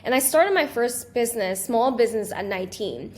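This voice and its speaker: Taiwan-raised young woman, animated chat. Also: fairly high pitch, brisk. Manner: animated, with many restarts and fillers. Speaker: guest, small business creator. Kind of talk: casual interview chat.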